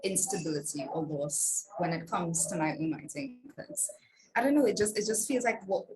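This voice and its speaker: A woman thinks aloud in a hesitant, searching way, her voice pitched a little low. It comes through a video call stream that keeps breaking up, with a clear hiss of noise and small clicks underneath. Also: lively intonation, moderate pace. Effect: choppy, breaking-up video call stream. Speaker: MFA student panelist. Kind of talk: casual panel discussion. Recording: noisy, glitchy video-call audio.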